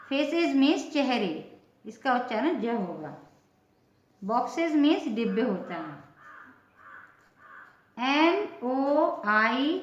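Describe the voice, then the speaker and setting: A high-voiced woman teaches pronunciation at a very slow, deliberate pace. She spells each word out letter by letter, then repeats it and gives its meaning. The recording sounds roomy and a little dull. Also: slight background noise. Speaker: English teacher.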